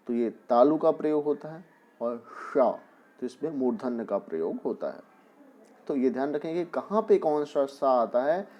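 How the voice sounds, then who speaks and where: With a warm, mid-range voice, a man patiently walks young pupils through a Hindi spelling lesson, explaining each step and repeating examples. He keeps checking in with the class by asking "है ना".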